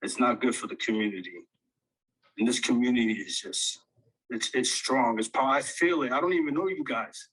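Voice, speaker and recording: A man talking into a phone, out of breath, halting with many fillers and restarts, earnest and eager. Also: mid-range voice, fairly bright tone, husky, poor audio. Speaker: audience speaker. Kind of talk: casual chat on an audio call.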